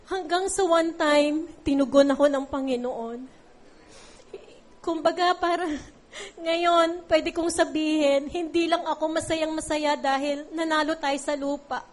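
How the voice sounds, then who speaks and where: A middle-aged woman giving a heartfelt church testimony, tearful at times and using many fillers. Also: high voice.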